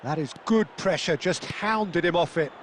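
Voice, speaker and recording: An actor playing a football play-by-play commentator in a video game, measured but quick to get excited. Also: male voice, fairly high pitch, a little hiss or hum, close to an everyday voice. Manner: measured, rising to excited calls.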